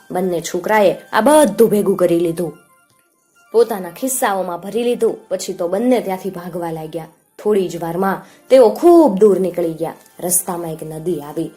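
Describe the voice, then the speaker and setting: A woman telling a children's fairy tale at a middle pitch, steady and expressive. Soft music plays faintly under her voice. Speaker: storyteller. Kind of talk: children's story narration.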